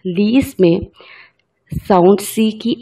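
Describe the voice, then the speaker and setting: A young woman teaching pronunciation at a very slow pace, repeating each word deliberately. Her low voice is dark and gravelly. She sounds some distance from the mic. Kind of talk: slow, careful language lesson.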